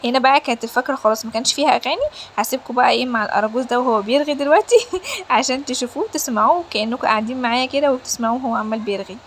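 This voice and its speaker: Egyptian mom vlogging, super fast, high voice, chatty with viewers. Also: female voice, slight background noise. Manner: chatty, addresses viewers directly. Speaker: family vlogger. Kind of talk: casual vlog narration.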